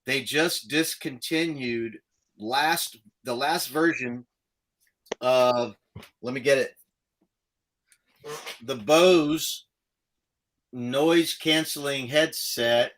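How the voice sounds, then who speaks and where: A man's voice: medium pitch, extremely slow, pauses often, a bit bright, low-quality recording. A man hosting a casual live stream, chatting and reading out comments from viewers.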